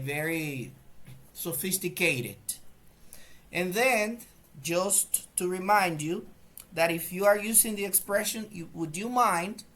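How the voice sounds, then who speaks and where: A man whose first language is Spanish, teaching an English grammar lesson slowly and deliberately, repeating phrases and often clearing his throat. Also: fairly high pitch, a bit bright.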